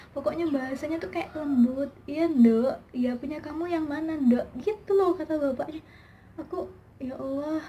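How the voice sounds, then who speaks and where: A young woman vlogger telling a personal story in a chatty, emotional way, with many fillers. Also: high-pitched. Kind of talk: personal testimony vlog. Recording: slightly dull lo-fi sound with faint background hiss.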